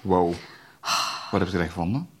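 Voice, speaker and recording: A man, a podcast guest in casual chat, giving quick, dry reactions. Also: low-pitched, darkish tone, husky.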